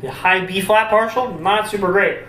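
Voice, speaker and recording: A man's voice: sits high, moderate pace. A man giving a casual, explanatory music lesson to camera, informally thinking aloud as he instructs. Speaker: brass instrument teacher demonstrating warmup exercises. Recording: roomy, distant mic with faint noise.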